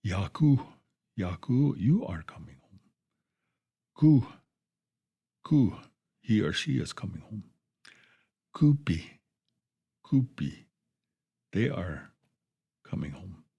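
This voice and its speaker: Slow, gravelly-voiced man teaching a language. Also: fairly low pitch, big pitch swings, warm tone, highs cut off. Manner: slow, patient drilling, repeating each phrase twice. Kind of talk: radio language lesson.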